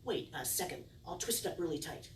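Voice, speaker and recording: A woman's voice: low voice, animated, a little fast. A middle-aged woman performing as a kids' party magician, playful and theatrical with exaggerated wonder and mock confusion, talking to her audience. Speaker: children's magician and circus performer. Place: indoor room with a small curtained stage. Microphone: distant camera. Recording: roomy, distant camera sound with faint noise.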